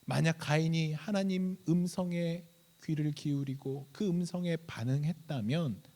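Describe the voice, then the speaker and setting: A man preaching a sermon as pastor, dramatic, swinging between loud emphasis and near-whisper. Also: a little high, normal speed. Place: church sanctuary. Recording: reverberant church sanctuary.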